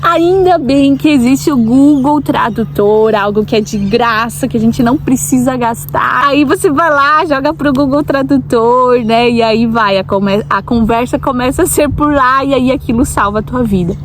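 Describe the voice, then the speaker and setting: A woman's voice: high-pitched, moderate pace, few pauses. A young woman from Brazil, vlogging in casual talk to the camera and often asking viewers questions. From Brazil, Santa Catarina. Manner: chatty, asks viewers directly, frequent tag questions. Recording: noticeable background noise.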